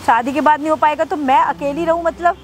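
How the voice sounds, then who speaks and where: A woman's voice: high-pitched, steady tone, fast, slight background noise, lightly acted. A woman acting as a lonely mother who reproaches her wayward daughter in a weary tone, in an amateur skit. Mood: reproachful.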